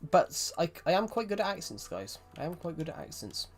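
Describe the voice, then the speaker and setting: Somewhat high and sing-song, this young man's voice moves a little fast as he streams a game and chats casually in a Southwest English accent. He rambles, restarts his sentences a lot, and reads viewer comments aloud, with faint music and keyboard clicks in the background.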